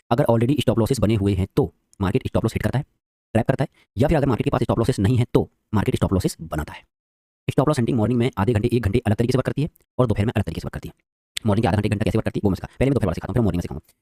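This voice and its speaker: Man, trading teacher, very fast talk, mellow dry voice. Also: medium pitch, no echo. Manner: rapid, quizzing the viewers. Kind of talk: live-streamed trading lesson.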